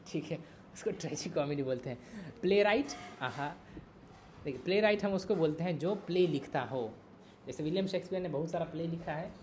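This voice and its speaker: Teacher lecturing with faint hiss. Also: male voice, on the high side. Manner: explains by repeating and asking the class questions. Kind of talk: exam-prep lecture.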